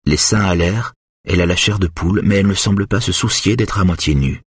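A man reading a novel aloud in a very low, husky voice. His narration is steady and even. The recording is dry and close, with no room sound. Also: a little fast, no echo. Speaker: reader.

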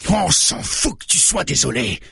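A man voicing an angry, hostile bearded gunman who shouts aggressively. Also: on the high side, very animated, moderate pace, creaky, slightly rough, dry recording, studio quality, pitched above the performer's own voice, exaggerated voice. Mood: furious.

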